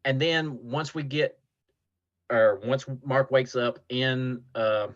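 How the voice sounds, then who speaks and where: A man hosting a casual podcast, retelling scenes in an animated way. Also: medium pitch, slow pace, dull audio. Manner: animated retelling with acted quotes. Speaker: podcast host.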